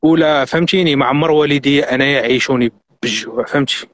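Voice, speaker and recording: A middle-aged Moroccan man talks at a breakneck pace on a live stream. His voice sits at an ordinary middle pitch. He gives earnest, insistent advice and slips French and English words into his speech. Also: fast talker, a bit bright, a little hiss or hum. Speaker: guest.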